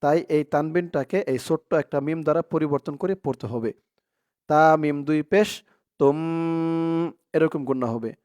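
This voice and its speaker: A man teaching Quran reading, sounding out each syllable, chanting verses slowly and explaining pronunciation rules in between. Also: on the high side, darkish tone. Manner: drawn-out chanted recitation alternating with quick explanations. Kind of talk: slow spelled-out Quran reading lesson.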